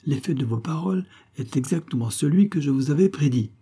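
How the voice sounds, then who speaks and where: A man's voice: on the high side, lively intonation, fairly quick, warm tone, husky, pitched above the performer's own voice. A man reading an audiobook, voicing a proud, cold young noblewoman who speaks icily and haughtily. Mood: haughty. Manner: icy, haughty.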